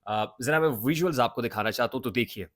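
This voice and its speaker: A man from Pakistan delivering political news commentary as a vlogger. He talks emphatically and pauses often on short filler sounds. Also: mid-range voice, very noisy.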